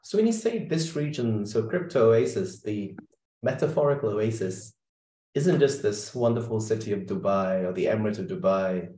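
A man's voice: fairly low pitch, animated, moderate pace, mellow, echoey room. A middle-aged man hosting a podcast over a video call, chatty and playful, with short backchannels. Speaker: podcast host. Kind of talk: casual video-call interview.

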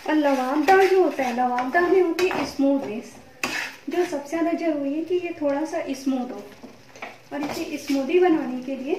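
A woman with a high voice explains a recipe step by step in a chatty, instructional way. She talks over a stove in an echoey home kitchen, with clear sizzling and frying sounds behind her. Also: normal speed, noisy background. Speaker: cooking channel host. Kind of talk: home cooking tutorial.

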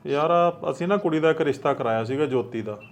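A man's voice: on the high side, fast, close to an everyday voice. A middle-aged man playing a stern, protective village headman who scolds in a firm, fatherly way. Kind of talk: acted village drama dialogue.

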